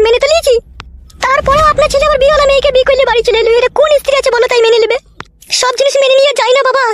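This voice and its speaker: A woman voicing an angry middle-aged village mother in a cartoon, scolding and lamenting. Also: very high voice. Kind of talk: cartoon voice acting.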